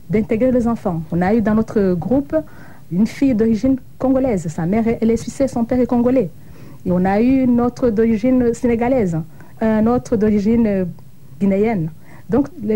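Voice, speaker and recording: A woman's voice: mid-range voice, mellow, a little hiss or hum. A middle-aged woman from Rwanda, answering interview questions in an earnest, thoughtful way and sometimes searching for words. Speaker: interviewee, association co-founder.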